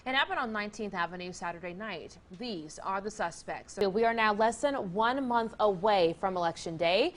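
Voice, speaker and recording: A woman in her twenties anchoring and reporting TV news, reading stories crisply and bantering upbeat with co-hosts. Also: mid-range voice, lively intonation, moderate pace, hardly any pauses.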